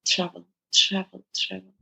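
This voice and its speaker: A woman with a Russian accent and a husky, gravelly voice, chatting casually as an interview guest. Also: a little slow, sharp tone, low-quality recording. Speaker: interview guest, adult content creator.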